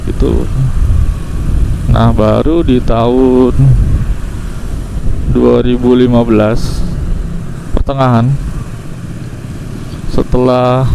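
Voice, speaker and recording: A young man telling a personal story for a motovlog in a casual, halting way. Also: mid-range voice, vocal fry. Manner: halting, pausing mid-sentence. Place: outdoors, riding a motorcycle on the road. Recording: loud motorcycle and traffic noise outdoors. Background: motorcycle engine, passing vehicles.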